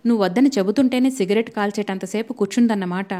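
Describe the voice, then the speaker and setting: A woman reading the part of a quick-tempered young husband in an audio novel. He scolds sharply and sternly, in a firm, clipped voice. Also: medium pitch, mellow, lightly acted. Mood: angry.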